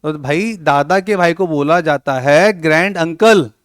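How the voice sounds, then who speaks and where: Teaching a coaching class, this man mixes Hindi and English with a Rajasthani accent, joking with his students and acting out short scenes. His voice is on the high side, with a clean tone and a slightly slow delivery, captured as clean studio sound with no echo.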